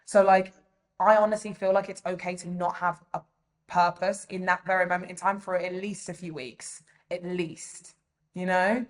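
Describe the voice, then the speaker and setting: A woman's voice: lowish voice, steady tone, normal speed. A young woman with an English accent, co-hosting a podcast in casual chat, talking loosely with lots of fillers. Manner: chatty, full of "like" and "you know". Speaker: podcast co-host.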